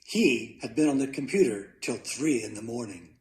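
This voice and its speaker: A man reading a children's storybook aloud, slow and dramatic, with playful sound effects. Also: mid-range voice, animated, a little mellow, reverberant.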